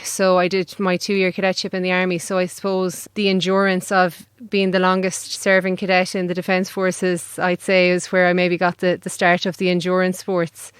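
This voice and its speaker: A woman from Galway with a west of Ireland accent chats casually as a guest. Her voice is very smooth and clear, with fairly even pitch, in a dry, close sound. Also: no room sound. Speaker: interview guest, endurance swimmer. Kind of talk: casual chat.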